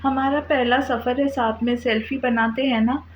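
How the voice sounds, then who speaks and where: A woman voicing an excitable, playful young bride in a storybook reading, bubbly and pouting. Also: fairly high pitch, normal speed, lo-fi sound, a little hiss or hum, lightly acted. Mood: excited.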